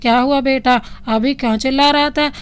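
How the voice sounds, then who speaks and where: A woman's voice: sits high, fairly even intonation, moderate pace, clear, resonant tone, natural voice. A woman voicing a middle-aged mother who fusses with concern over her son. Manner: fussing, concerned.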